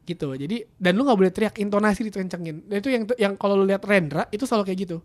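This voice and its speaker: A man's voice: sits high, racing, a little mellow. A man, a football commentator chatting casually on a podcast, rambling with restarts and fillers. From Indonesia.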